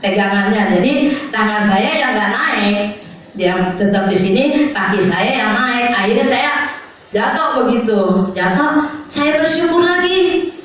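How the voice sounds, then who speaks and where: A woman's voice: on the high side, lively intonation, unhurried, a bit bright. An older woman pastor, telling a testimony in a sermon and often turning to address the congregation. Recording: very echoey hall, mic far off.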